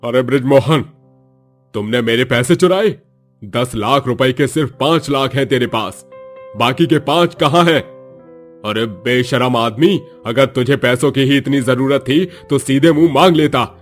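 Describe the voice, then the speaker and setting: A man's voice: medium pitch, unhurried, soft background music, natural voice. A man playing a stern, wealthy employer who feels betrayed, scolding and threatening in a moral story. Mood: angry accusing. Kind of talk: acted Hindi moral story.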